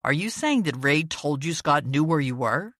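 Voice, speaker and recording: A man's voice: on the high side, animated, moderate pace, fairly bright tone, dry recording, clean studio sound. A woman narrator voicing an intent male investigator questioning a witness in an audiobook. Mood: probing. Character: quiet, probing adult male investigator.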